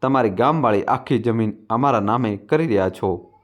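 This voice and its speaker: A man's voice: mid-range voice, expressive, moderate pace, close to an everyday voice. A man reading a coaxing scheming elder son. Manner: coaxing, persuasive.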